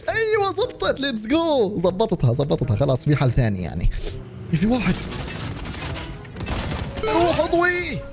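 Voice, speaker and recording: A man giving excited commentary on his gameplay, laughing and yelling at the game as he plays. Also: extremely high pitch. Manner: animated, laughing, shouting at the game. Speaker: gaming YouTuber.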